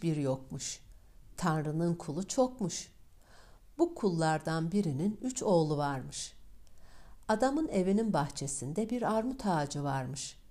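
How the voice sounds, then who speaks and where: Low, slow, mellow woman storyteller. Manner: calm, measured reading. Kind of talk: fairy tale narration.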